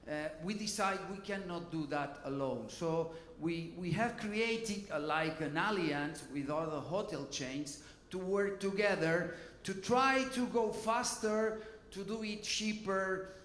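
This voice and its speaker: A man's voice: fairly high pitch, a bit bright, echoey room, a little hiss or hum. A man, speaking informally on a conference panel and often adding "you know" and "okay". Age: 50s. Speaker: hotel innovation panelist. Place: conference hall.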